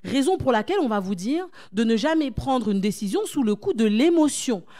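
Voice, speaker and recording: Mellow and sing-song, her somewhat high voice moves at a normal speed. She's a coach at a church conference, exhorting the crowd with repeated lines and questions to the audience.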